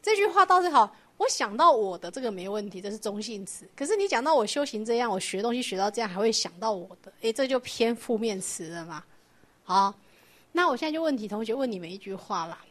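A woman's voice: mid-range voice, expressive, quick pace, a bit bright. A woman teaching a Buddhist doctrine lecture, explaining patiently and asking her class rhetorical questions.

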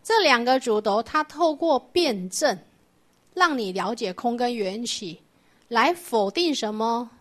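A woman gives a Buddhist doctrine lecture. Her voice sits a little high, and she explains things patiently. She keeps putting rhetorical questions to her students. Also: animated, takes it slowly. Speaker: Buddhist teacher.

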